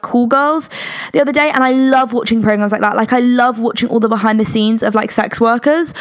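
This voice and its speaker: A young British woman in her twenties hosting a podcast, chatting frankly and giggling, with lots of fillers. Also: on the high side. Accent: British English. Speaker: podcast host. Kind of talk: casual chat.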